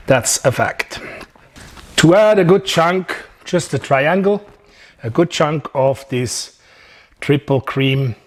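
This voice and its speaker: A man with a Swiss accent, a chef chatting and joking through a cooking demonstration in his home kitchen. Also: a little high. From Switzerland. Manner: chatty, joking, relaxed instructions.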